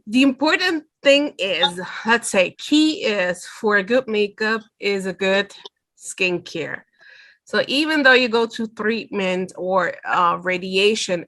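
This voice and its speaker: Bright-voiced woman teaching makeup. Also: mid-range voice, takes it slowly. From Switzerland. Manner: earnest, explaining step by step. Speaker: makeup artist. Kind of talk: webinar talk.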